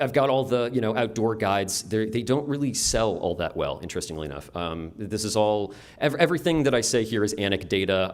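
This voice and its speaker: A young man from upstate New York, a map store owner giving a casual, wry conference talk to a room, with many ums and restarts. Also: low-pitched. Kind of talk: conference presentation. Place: conference room before an audience.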